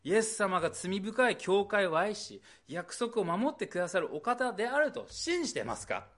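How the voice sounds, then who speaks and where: A man preaching a sermon with emphatic, animated delivery and rising questions. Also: moderate pace. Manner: drops to a soft, low voice in prayer. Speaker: pastor.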